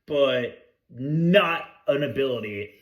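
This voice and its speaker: A man in the middle of an easygoing podcast conversation, his voice at an ordinary middle pitch. He rambles, restarts his sentences and drops swear words without a second thought. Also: expressive, takes it slowly, muffled recording. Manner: rambling, self-interrupting, swears freely. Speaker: podcast co-host. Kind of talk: casual chat.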